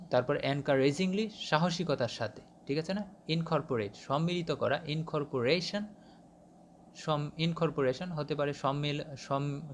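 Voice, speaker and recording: A man's voice: a little high, fairly bright tone, a little hiss or hum. A Bangladeshi-accented man teaching English, reading word forms from a list, often restarting words and asking his students if they follow. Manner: halting, with frequent restarts and checking questions. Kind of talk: reading a vocabulary list aloud in a lesson.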